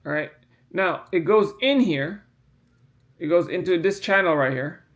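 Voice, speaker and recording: A man's voice: high-pitched, a little slow. A man casually explaining a printer part as he handles it, rambling, repeating himself and stressing key points. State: yawning from medication. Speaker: hobbyist explaining printer repair. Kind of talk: casual hands-on demonstration.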